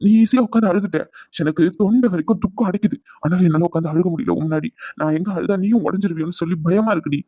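A man's voice: high voice, fast talker, dry recording, highs cut off. A man voicing a stressed young husband in a cartoon, scolding his wife in long rants. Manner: scolding rants, softening into comfort. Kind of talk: cartoon voice acting.

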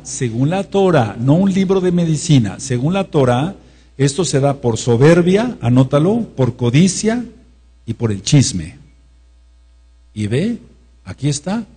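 Mexican man preaching, warm husky voice. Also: mid-range voice. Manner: didactic, repeats key words, asks the audience questions. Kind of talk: sermon teaching.

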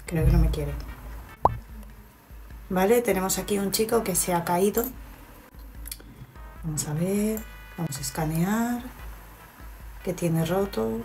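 A woman's voice: mid-range voice, slow, pauses often, music in the background, low-quality recording. A woman casually commenting on her gameplay, playfully chatting to her patients with mock-professional pride. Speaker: gaming video host.

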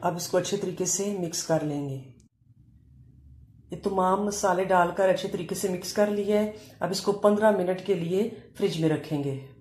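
A woman walks through a home recipe in a calm, step-by-step way, pausing briefly between ingredients. Her voice sits fairly low for a woman. The room is echoey, with a faint hum of ambient noise behind her. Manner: calm, step-by-step explaining with Urdu-flavoured words and short pauses. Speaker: cooking channel host. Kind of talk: home cooking demonstration.

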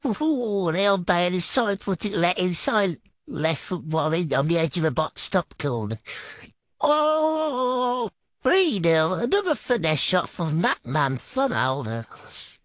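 Through a pitch-altering trickster voice filter, a British man narrates his own football game play, foul-mouthed and exasperated. His pitch swings widely, his pace is slow, and the tone is a bit bright with no echo.

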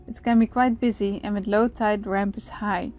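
A woman explaining step by step how to land a dinghy, in a clear instructional voice-over. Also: mid-range voice, fairly even intonation, moderate pace, darkish tone, faint music behind. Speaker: vlog co-host.

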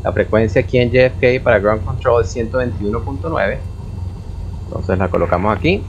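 A man's voice: medium pitch, brisk. A man, a native Spanish speaker, giving a casual flight simulator tutorial as host and pilot, explaining and making radio calls. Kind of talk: casual screen-recorded tutorial narration. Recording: muffled, noisy, steady vehicle-like drone.

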